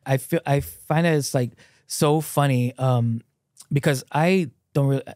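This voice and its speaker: A man's voice: mid-range voice, measured pace, no echo. Man, from Hawaii, thirties, loose rambling storyteller, dead dry studio sound. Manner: loose and animated, lots of "like" fillers, gestures while talking. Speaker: guest. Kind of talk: casual conversational storytelling. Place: small dim studio set with a couch. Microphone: boom-mounted podcast mic close up.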